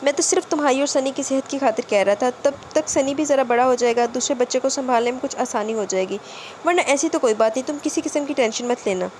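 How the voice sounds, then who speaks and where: A woman reads the part of a young husband in a storybook narration, his lines delivered in a high voice. He speaks softly and tenderly, then turns harsh and accusing. There is a faint hiss behind the reading. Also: close to an everyday voice. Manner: soft and tender, turning to harsh shouting.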